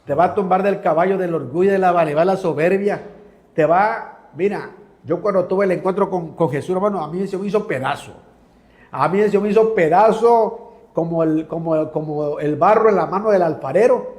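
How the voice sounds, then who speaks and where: Fervent high-voiced male preacher. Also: normal speed, a little mellow. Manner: reads scripture aloud with fervent asides; addresses listeners as brother.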